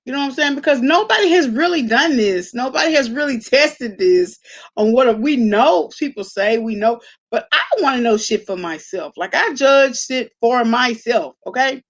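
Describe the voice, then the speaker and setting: Lively intonation marks this woman's slightly high voice, delivered at a moderate pace. Running an online commentary channel, she gossips informally in a chatty reaction vlog, using salty slang and often checking in with whoever's listening.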